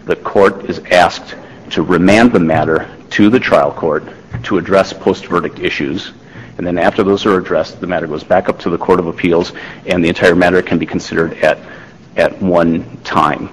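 A man, a lawyer, making a formal oral argument before a court, measured, with restarts and fillers. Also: deep voice, fairly even intonation, in a large hall, slight background noise, poor audio. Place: large courtroom.

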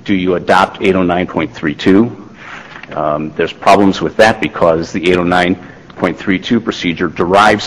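A man, a lawyer, making a formal oral argument before a court, measured, with restarts and fillers. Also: low voice, slightly rough, long reverb tail, rough recording. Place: large courtroom.

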